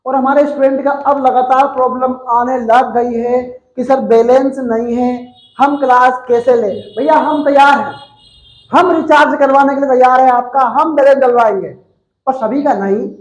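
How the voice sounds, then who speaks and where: A man teaches chemistry in a live online class, joking and teasing his students. His voice is strikingly high. The sound rings in an echoey room. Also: steady tone, moderate pace. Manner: playful, teasing, scolds with jokes and sayings.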